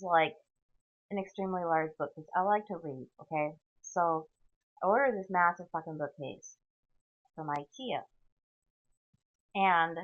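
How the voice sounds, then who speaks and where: Sardonic female podcaster, low voice, tinny phone-like recording, rambling monologue. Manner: tangential, sardonic, frequent "okay?" asides. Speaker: podcast host. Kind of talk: rambling solo storytelling.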